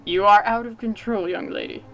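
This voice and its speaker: A woman's voice: medium pitch, huge pitch swings, moderate pace, gravelly, fairly bright tone, exaggerated voice, poor audio. A woman playing a condescending male asylum doctor in a put-on British accent, with a clipped, patronizing bedside manner. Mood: stern.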